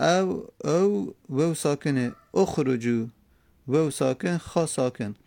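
Male teacher, gravelly tone, patient and repetitive, giving a classroom grammar lesson, dry close recording. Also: medium pitch, a little mellow, dry recording. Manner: patient, repeats examples, rhetorical questions.

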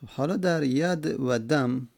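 A man explaining an Arabic grammar text in a slow, repetitive way, with many hesitations. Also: fairly high pitch, creaky, darkish tone, no room sound.

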